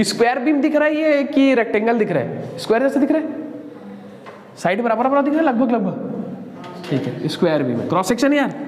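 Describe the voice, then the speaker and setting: A man's voice: extremely high pitch, a little mellow. A man teaching engineering in a classroom, asking students questions and answering them himself. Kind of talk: classroom lecture. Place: classroom with a board. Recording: echoey classroom with long reverb, faint noise.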